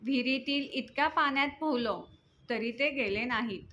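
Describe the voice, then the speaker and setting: A woman's voice: high voice, normal speed, pushed and bright, a little hiss or hum. A woman voicing a frightened young boy who wails and pleads. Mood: sulky. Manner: wailing, pleading.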